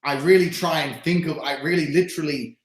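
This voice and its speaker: A man's voice: on the high side, fairly even intonation, brisk. A man giving blunt, emphatic and profane answers as an interview guest. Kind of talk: casual interview talk. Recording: roomy echoey sound.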